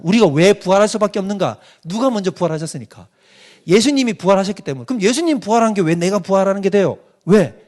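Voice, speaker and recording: A middle-aged male pastor giving an emphatic doctrinal lecture, firing questions at his listeners and answering them himself. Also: high-pitched. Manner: emphatic, mimics people with sudden loud outbursts.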